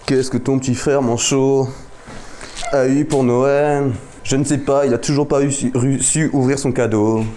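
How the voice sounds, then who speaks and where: A man on stage under hypnosis, telling a joke haltingly. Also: medium pitch, steady tone, background noise. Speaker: hypnotized participant.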